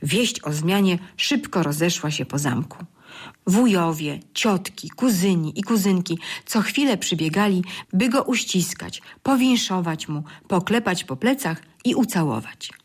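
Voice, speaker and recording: A woman reading a children's story aloud in a calm, measured way. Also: on the low side, husky. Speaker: narrator. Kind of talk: scripted storybook narration.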